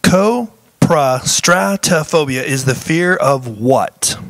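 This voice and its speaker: A man's voice: fairly high pitch, lively intonation, normal speed, a bit bright, slight background noise. A man co-hosting a talk show, playfully reading out trivia questions and repeating them with laughs. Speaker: co-host. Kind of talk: casual chat, quiz questions.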